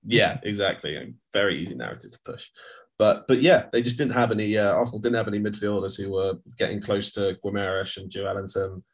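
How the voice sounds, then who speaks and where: A man's voice: fairly low pitch, fairly quick. A man co-hosting a podcast, chatting casually about football, rambling with lots of restarts and fillers. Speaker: podcast co-host.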